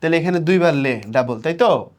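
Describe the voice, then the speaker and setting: A man's voice: fairly high pitch, animated, a little mellow. Patient young man teaching. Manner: explains patiently, counts out syllables slowly, voices students' questions. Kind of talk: exam-prep lesson.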